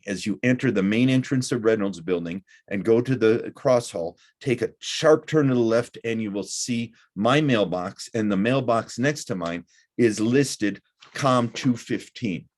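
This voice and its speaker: A middle-aged man teaching a recorded college lecture, talking deliberately with frequent "uh" fillers. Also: on the low side, expressive. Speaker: college instructor.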